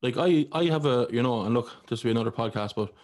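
A man's voice: medium pitch, fast talker, a little mellow. An Irish man in his forties hosting a podcast, talking bluntly and heatedly and swearing freely. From Ireland. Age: 40s. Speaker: podcast host. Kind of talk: casual conversation.

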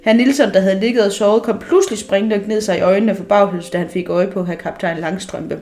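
Woman reading a children's story aloud. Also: mid-range voice. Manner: lively read-aloud with frequent slips and restarts.

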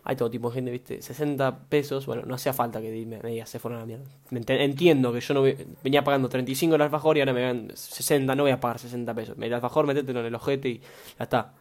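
A young man with an Argentine Rioplatense accent hosting a casual solo podcast, rambling and joking in slang and often repeating his words. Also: medium pitch. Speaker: podcast host.

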